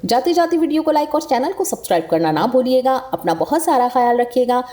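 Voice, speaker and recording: High-voiced woman narrating a drama review. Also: fast talker. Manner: steady, even retelling of scenes, addressing viewers directly. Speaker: drama review channel host. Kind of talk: scripted plot-prediction narration.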